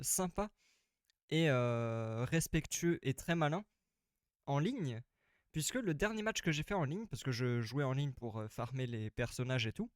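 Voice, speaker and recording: A man's voice: medium pitch, no echo, studio quality. A man streaming a video game live, chatting casually and rambling, a little tired. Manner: chatty, rambling, repeats himself. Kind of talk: casual live let's-play commentary. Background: faint game music.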